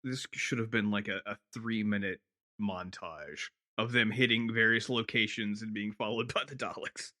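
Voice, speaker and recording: A man's voice: fairly low pitch, steady tone, normal speed, pushed and bright. A man co-hosting a podcast, giving blunt, wry opinions in casual chat. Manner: blunt, wry, laughing asides. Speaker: podcast co-host.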